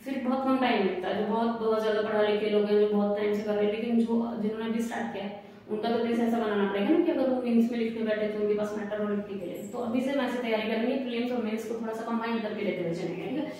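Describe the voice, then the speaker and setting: A woman's voice: on the high side, steady tone, fast, mellow, recorded from a distance, slight background noise. A young woman teaching a lecture class and often checking that students follow. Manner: repetitive, checking in with "ठीक है?". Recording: echoey room, voice away from the mic.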